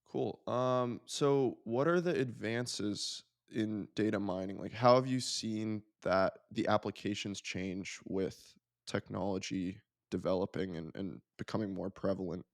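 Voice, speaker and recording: A man's voice: lowish voice, measured pace, no room sound, clean studio sound. Man hosting a podcast interview. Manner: clear, scripted intro then casual questions. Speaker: podcast host. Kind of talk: interview introduction and questions.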